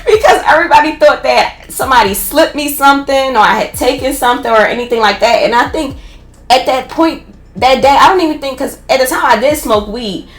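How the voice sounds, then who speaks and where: A woman from Philadelphia with a Philadelphia accent, telling a personal story in a casual, animated way, with many restarts. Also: sits high, a little fast, reverberant.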